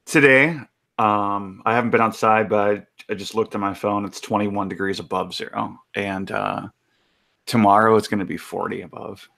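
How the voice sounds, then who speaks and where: A man's voice: lowish voice, fairly even intonation, normal speed, gravelly, bright, forceful tone. A man chatting on a casual voice call, talkative and upbeat. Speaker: guest in a voice chat. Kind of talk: casual voice chat.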